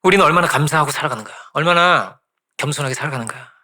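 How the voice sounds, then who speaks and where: Quick, bright-voiced male pastor preaching. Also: fairly high pitch. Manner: conversational preaching, keeps asking the congregation "right?"; lively, quick, repeats phrases for emphasis. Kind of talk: sermon.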